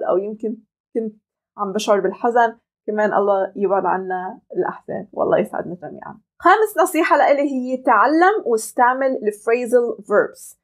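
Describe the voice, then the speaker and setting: Levantine lady teacher, explains step by step, says english bits slow and clear, kinda high voice. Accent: Levantine Arabic. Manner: explains step by step, slowly modelling English phrases. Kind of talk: online language lesson.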